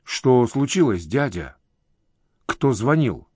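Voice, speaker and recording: A man's voice: mid-range voice, very animated, takes it slowly, darkish tone, breathy edge, no echo, studio quality, full character voice. A man voicing an earnest young nephew in an audiobook, speaking directly. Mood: worried.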